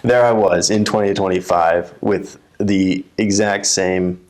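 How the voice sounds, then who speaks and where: A man's voice: deep voice, steady tone, measured pace, darkish tone. A young man from the USA talking casually as an interview guest, often restarting and repeating words. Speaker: guest, telemark ski racer.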